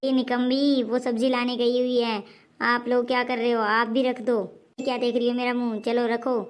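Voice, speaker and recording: A woman's voice: a little high, level tone, moderate pace, natural voice. A woman playing a scolding, grumbling old mother-in-law in a homemade family skit. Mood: bossy. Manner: nagging, complaining.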